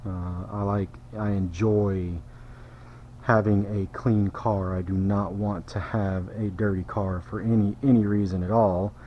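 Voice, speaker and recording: A man's voice: lowish voice, little pitch movement, unhurried, lo-fi sound, slight background noise. A middle-aged man, casually narrating his car detailing work in a shop, joking with viewers and a little out of breath. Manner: chatty, self-deprecating, jokey asides to viewers. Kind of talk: casual how-to narration while working.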